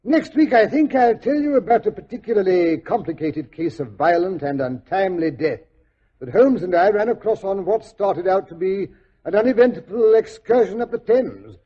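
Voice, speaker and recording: A high-voiced, bluff British doctor. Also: male voice, expressive, moderate pace, breathy edge. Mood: genial. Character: hearty, bluff, loyal gentleman doctor, indignant. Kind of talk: 1940s radio acting. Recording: muffled old radio recording.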